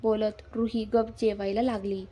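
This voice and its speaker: A woman narrating a serialized romance story in a calm, measured way. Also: mid-range voice.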